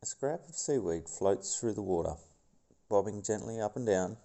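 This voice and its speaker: A man reading nature documentary narration in a gravelly voice, now and then stumbling over a word. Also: lowish voice, expressive, moderate pace, dark tone. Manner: stumbles over words and scientific names. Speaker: video host.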